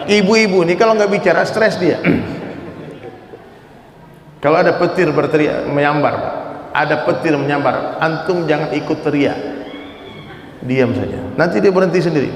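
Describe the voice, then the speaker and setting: Gravelly-voiced preacher in an echoey hall. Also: male voice, a little high. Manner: animated, jokey, coaxes the crowd to repeat. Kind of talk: sermon with Q&A.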